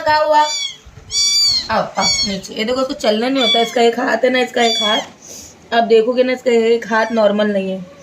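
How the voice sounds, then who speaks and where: A woman's voice: fairly high pitch, slight background noise. A young woman, chatting emotionally and directly to her viewers in a casual home vlog, filmed on a phone camera indoors. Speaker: vlogger.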